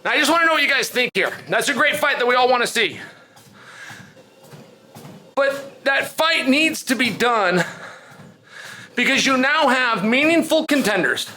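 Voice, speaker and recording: High, bright-voiced American man, emphatic commentary. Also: expressive, moderate pace, pauses often. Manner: emphatic, repeats phrases for effect. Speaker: sports commentator. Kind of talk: opinion commentary to viewers.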